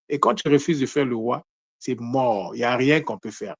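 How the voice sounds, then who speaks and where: A man's voice: mid-range voice, moderate pace, creaky, husky, dry recording. Earnest man teaching in a dry, close sound. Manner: earnest, repeats words and restarts phrases often. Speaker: spiritual teacher. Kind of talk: unprepared spiritual teaching talk.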